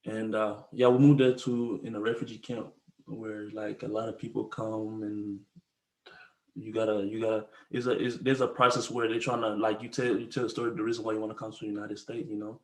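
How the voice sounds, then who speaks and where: A young man from the Congo in his twenties talks in a low, relaxed way, circling back over his words with slang and many restarts. His voice carries a noticeable room echo, as if recorded in a bare space. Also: brisk. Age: 20s. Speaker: podcast guest. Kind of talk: casual conversation.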